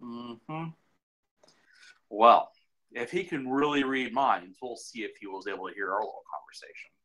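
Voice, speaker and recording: A man's voice: mid-range voice, moderate pace, pushed and bright, rough recording. A man playing a tabletop game, talking in a chuckling, conspiratorial way. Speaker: player. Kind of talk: casual in-character banter.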